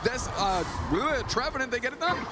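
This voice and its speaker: A man's voice: very high voice, lively intonation, fairly quick, heavy background noise. A man working as an esports caster, calling play-by-play with colourful, playful turns of phrase. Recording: loud music under the voice.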